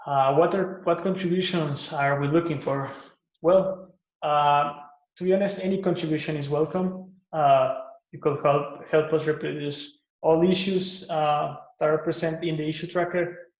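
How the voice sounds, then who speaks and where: A man from Guatemala with a slightly high voice gives a conference pitch, leaning on "uh" and "um" as he goes and often restarting his sentences. The recording sounds echoey and somewhat muffled, like a lo-fi room take. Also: moderate pace. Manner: relaxed, with frequent "uh" and "um" fillers and self-repairs. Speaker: open source maintainer giving a project pitch.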